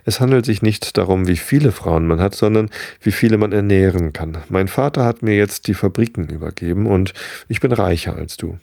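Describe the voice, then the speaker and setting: A man's voice: sits low, a little fast, creaky, warm tone, no room sound, studio quality. A man reading the part of a smug, vain rich young man. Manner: smug, self-satisfied, sanctimonious.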